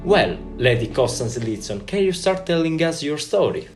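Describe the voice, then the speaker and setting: A formal interview host , played by a man, introduces his guest with a showman's flourish. His pitch moves lively up and down, and guitar music plays clearly behind him. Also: normal speed. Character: man hosting an evening interview. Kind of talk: scripted drama interview.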